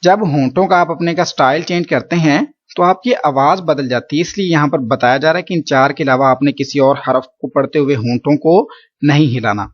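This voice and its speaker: A man's voice: on the high side, lo-fi sound. A man teaching Quran recitation rules in a patient, explanatory lesson, often repeating points to check understanding.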